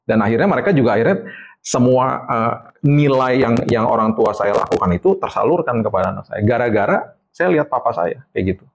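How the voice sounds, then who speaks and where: Casting note: middle-aged male evangelist, animated storyteller in an interview. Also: mid-range voice, fairly quick, creaky, dull audio. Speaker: evangelist guest.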